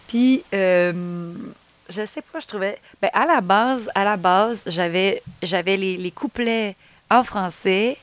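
A Québécois woman talks as a singer being interviewed, telling stories in an animated, easygoing way. She laughs often and fills her speech with little fillers. Her voice sits at an ordinary pitch for a woman. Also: takes it slowly. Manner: animated storytelling, laughs easily, lots of fillers. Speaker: singer guest. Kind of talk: casual interview chat.

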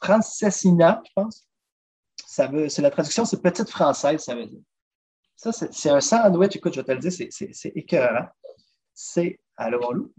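On a podcast, a Québécois-accented guest with a voice on the high side talks at a moderate pace, eagerly going through recipes. He's a drummer and food traveler, lively and chatty in a casual interview, frequently saying "listen." The audio is a dull lo-fi recording.

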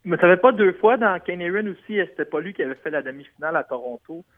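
A man's voice: high-pitched, expressive, fast talker, dry recording, narrow, tinny audio. A man co-hosting a boxing podcast, talking in an offhand, joking way. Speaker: podcast co-host. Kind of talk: casual chat.

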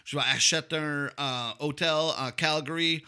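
Anglophone male comic, high bright voice, French with a heavy English accent, curses and code-switches. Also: unhurried, smooth. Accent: anglophone speaking French. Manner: mixes English into French, animated, swearing. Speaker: guest comedian. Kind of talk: casual interview chat.

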